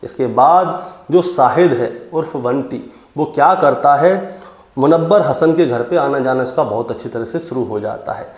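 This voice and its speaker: A man with a mid-range, slightly mellow voice narrates a true crime story at a moderate pace, calling his listeners friends as he retells it step by step. His telling is dramatic, and the recording has a roomy echo.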